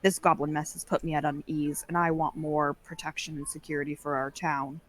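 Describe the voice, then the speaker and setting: A woman's voice: low voice, a little fast. A woman narrating as game master of a tabletop game, easygoing and conversational. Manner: relaxed, conversational narration with fillers. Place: home stream setup.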